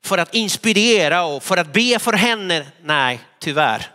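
Pastor guy preaching, high bright voice, acts out the story bits, big churchy echo. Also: expressive. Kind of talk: sermon. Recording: church hall reverb.

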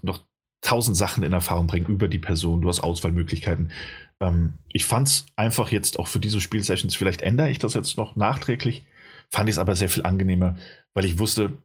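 A German-speaking game reviewer chats casually on a podcast about a game he's playing, rambling with lots of fillers and restarts. His voice is low, husky, and fairly quick.

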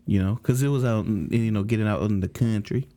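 A man's voice: fairly low pitch, fairly quick, mellow, no room sound. An American man chatting and bantering casually as a podcast co-host.

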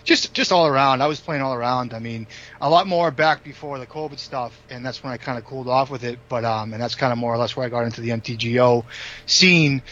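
A man from Massachusetts with a thick Boston accent chats casually in a friendly, enthusiastic way. His pitch sits in the middle range. The audio is dull and lo-fi, like a modest podcast setup. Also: fast, a bit bright. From Massachusetts North Shore. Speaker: podcast guest, card game player. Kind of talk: casual chat.

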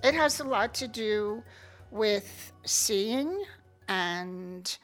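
A woman guest explaining her artistic thinking conversationally, in halting, thoughtful phrases. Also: mid-range voice, lively intonation, faint music behind. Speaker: artist and exhibition juror, guest.

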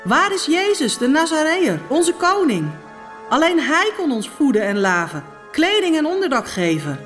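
A woman voicing a desperate crowd crying out, in a high, pleading wail. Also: big pitch swings, normal speed, fairly bright tone, soft background music.

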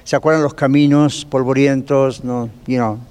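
A man teaching a Bible class as pastor, lively and conversational, putting rhetorical questions to his listeners. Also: mid-range voice, moderate pace, smooth. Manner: lively, asks the class rhetorical questions, drops in English phrases. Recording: long reverb of a church hall.

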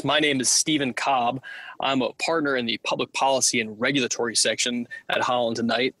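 A male podcast host with a bright, forceful voice welcomes his guest and asks questions in a polite, slightly hesitant way. The sound is dry and close. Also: mid-range voice, dry recording. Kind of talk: interview hosting.

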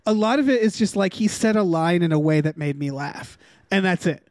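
A man's voice: high voice, lively intonation, a little fast, a little mellow, dry recording, studio quality. A man on a podcast, thinking aloud hesitantly in casual chat. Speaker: podcast panelist.

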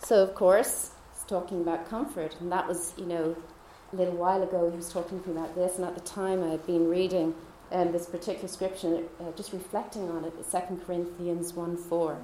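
A woman tells a personal faith testimony in a chatty, easy way, laughing often and dropping to soft whispers. Her voice sits a little low and sounds warm and mellow. The room around her is echoey. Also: flat delivery, brisk, hardly any pauses, a little hiss or hum. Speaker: speaker.

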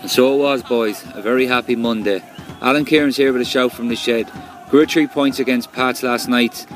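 An Irish man with a mid-pitched voice talks as a football fan reviewing a match. His delivery is fluent and colloquial, like an informal report to fellow supporters. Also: steady tone, normal speed, soft background music.

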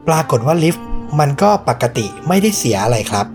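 A man's voice: fairly high pitch, sing-song, brisk, over music. A man hosting a podcast, telling a true ghost story in a suspenseful, conversational way. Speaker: podcast host.

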